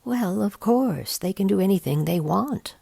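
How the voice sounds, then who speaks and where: A woman's voice: medium pitch, lively intonation, measured pace, vocal fry, dark tone, breathy edge, voice pushed up, full character voice. A woman voicing a cheerful, matter-of-fact female guide, Spider-Woman, in a storybook reading.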